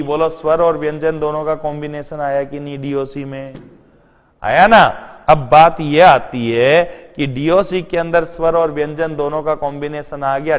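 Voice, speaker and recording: A man teaching an exam-prep lesson, asking rhetorical questions and answering them himself, mixing in English terms. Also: on the high side. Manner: mixes in English terms and sentences. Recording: dull lo-fi sound in a long-reverb room.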